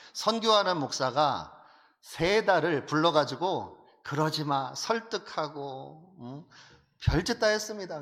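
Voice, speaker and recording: A male pastor preaching an animated sermon, full of rhetorical questions and emphatic repetition. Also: fairly high pitch. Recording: long hall reverb.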